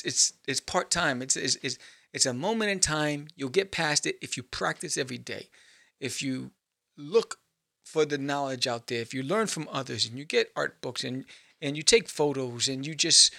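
Playful man with a gravelly voice. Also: on the high side. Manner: playful, animated, keeps asking "right?". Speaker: podcast host and comic artist. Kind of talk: casual solo talk to viewers.

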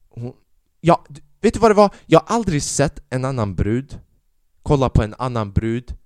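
A young man, a comedian, telling a story in a profane, animated casual rant, dropping in English phrases. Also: medium pitch, clean tone, no echo, clean studio sound.

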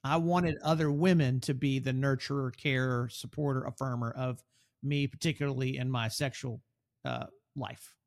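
A man's voice: mid-range voice, fairly even intonation, normal speed, gravelly. A man co-hosting a podcast, speaking reflectively and personally, with small restarts. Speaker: podcast co-host. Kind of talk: conversational podcast discussion.

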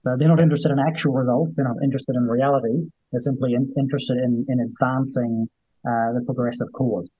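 A man giving conversational political commentary as a guest, in a hesitant way that often repeats phrases, with a husky voice. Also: mid-range voice, fairly even intonation, brisk, warm tone, no room sound. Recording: dull, lo-fi remote audio.

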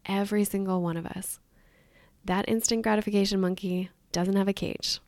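A woman's voice: mid-range voice, fairly even intonation, moderate pace, a little mellow, no echo. A woman hosting a motivational podcast as a weight loss coach, talking in an upbeat, encouraging way. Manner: upbeat and encouraging, with light laughs.

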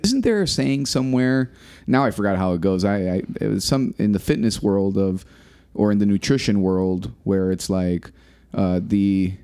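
A man's voice: lowish voice, moderate pace, mellow, clear, resonant tone. A middle-aged man co-hosting a casual podcast, talking earnestly and motivationally and repeating phrases for emphasis. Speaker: podcast co-host.

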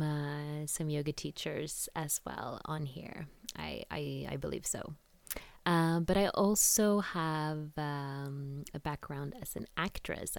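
Low-voiced Norwegian woman hosting a podcast. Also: a little mellow, dry recording. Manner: chatty and rambling, with many fillers and light laughs. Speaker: podcast host. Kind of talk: casual solo podcast chat.

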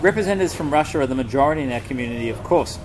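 Talking very fast and animatedly in a mid-range voice, a man co-hosting a laid-back podcast reads a guest's written answers and trades loose banter, occasionally swearing. There's music underneath along with background noise.

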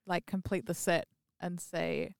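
A woman's voice: lowish voice, fairly even intonation, unhurried, creaky, no room sound, clean studio sound. A young woman chatting casually with friends during a party game and taking the lead on whose turn it is.

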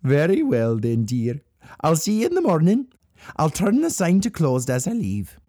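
A woman putting on a gentle older male bank manager with a deep, husky, mellow voice that swoops widely as he talks. He sounds fatherly and kind in a storybook reading. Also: wildly swooping pitch, moderate pace, dry recording, clean studio sound, full character voice. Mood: kindly.

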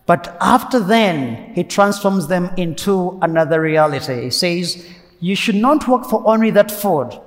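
A priest giving a Sunday homily in an earnest, emphatic way, repeating key phrases, heard with a cathedral echo. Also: male voice, sits high. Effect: cathedral echo, long church reverb. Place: large church. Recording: long echo of a large church.

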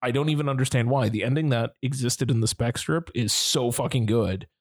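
Male podcast co-host, casual and animated, incredulous rises, dry close sound. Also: mid-range voice, brisk, dry recording. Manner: animated, swearing, rising into incredulous questions. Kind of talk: casual chat.

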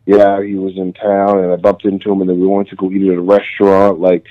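Low flat-voiced man, hesitant and reflective. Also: a little fast, dry recording. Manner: reflective, hesitant, many fillers. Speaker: friend sharing memories on a call. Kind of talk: casual conversation. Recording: muffled lo-fi call audio.

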